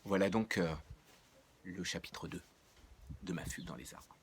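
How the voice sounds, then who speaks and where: A man's voice: sits low, measured pace, a little hiss or hum. A man, the author, casually introducing the children's novel he is about to read aloud. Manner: relaxed, conversational introduction with fillers. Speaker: author reading his own book.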